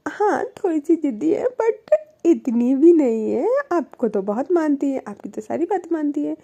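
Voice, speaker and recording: A woman voicing a young woman in love who gently reasons with her partner, in a spoken love story. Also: high-pitched, big pitch swings, unhurried, full character voice. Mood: coaxing.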